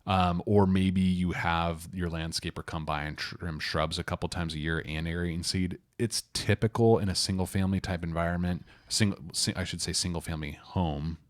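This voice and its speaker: Man in his thirties, very low voice, loose chatty delivery, dry close mic. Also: steady tone, moderate pace, few pauses, no room sound. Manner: loose and conversational, full of "like" and asides. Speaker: podcast co-host, property manager. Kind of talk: casual advice chat.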